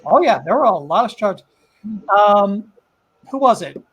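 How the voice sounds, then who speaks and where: A man on a casual online panel, briskly listing trivia and agreeing with the host. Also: sits high, big pitch swings, fairly bright tone, breathy edge, lo-fi sound.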